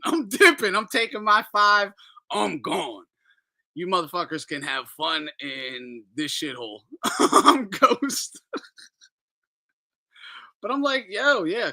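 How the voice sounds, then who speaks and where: A man's voice: sits high, bright, forceful tone. A man hosting a boxing talk show, ranting casually, laughing often and swearing freely. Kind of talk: casual profane rant.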